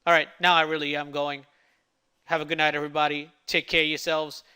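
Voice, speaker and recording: Man with slightly slurred speech, bright voice. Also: on the high side, flat delivery, brisk, smooth. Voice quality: slightly slurred speech from a swollen lip and cut tongue. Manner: occasional stumbles and stutters. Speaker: indie game developer narrating a devlog. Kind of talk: casual explanatory devlog talk.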